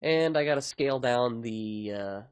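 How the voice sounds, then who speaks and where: A man's voice: mid-range voice, a little slow, clear, resonant tone, no room sound. Man chatting casually, dry close recording. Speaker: podcast host and indie game developer. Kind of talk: casual podcast chat.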